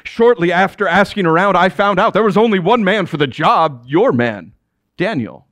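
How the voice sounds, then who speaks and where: A man's voice: high-pitched, lively intonation, normal speed, fairly bright tone, no room sound. A man playing a proud ancient king who speaks to his subjects in a commanding way and chuckles between statements. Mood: regal. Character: proud middle-aged male Persian king addressing his subjects. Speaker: actor in a biblical character monologue. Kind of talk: theatrical first-person monologue.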